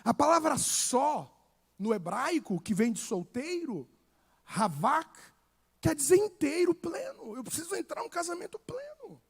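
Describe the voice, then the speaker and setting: Man, pastor, Brazilian Portuguese accent, very high-pitched, impassioned sermon, hushed to shouted, repetitive phrasing. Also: vocal fry. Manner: repeats phrases for emphasis.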